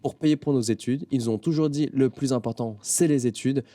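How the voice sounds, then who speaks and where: A French man in his thirties speaks as a guest in a casual interview, his voice warm and relaxed. He tells animated stories full of small fillers and restarts. The sound is dry and close, with no room echo. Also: mid-range voice, moderate pace. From France. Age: 30s. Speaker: guest, comedian and doctor. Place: venue backstage, indoors.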